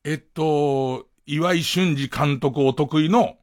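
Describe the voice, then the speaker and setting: A man hosting a late-night radio show in a casual solo monologue, animated, acting out quoted lines and laughing. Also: a little high, slow pace. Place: radio studio.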